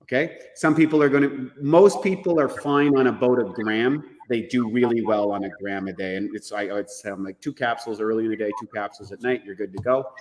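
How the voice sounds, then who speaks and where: A man's voice: lowish voice, a little fast, few pauses, a little mellow. Man in a reverberant space. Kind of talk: casual health talk.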